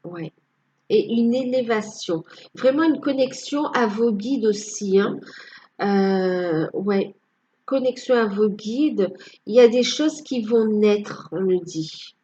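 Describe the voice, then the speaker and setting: A woman's voice: medium pitch, mellow, breathy edge, dull audio. A woman giving a casual tarot reading to her viewers, hesitant and full of fillers. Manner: hesitant, many fillers, tags with "hein". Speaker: tarot card reader.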